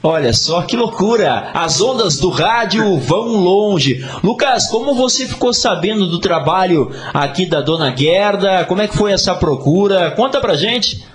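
A man's voice: sits high, expressive, unhurried. A man, hosting a casual radio interview. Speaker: radio host.

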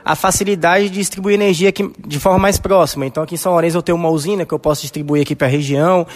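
A man's voice: fairly high pitch, fairly even intonation, rapid-fire. A Brazilian man with a Brazilian Portuguese accent, a businessman answering a reporter confidently with many fillers. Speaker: solar energy businessman. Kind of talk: on-site news interview answers. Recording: echoey hall.

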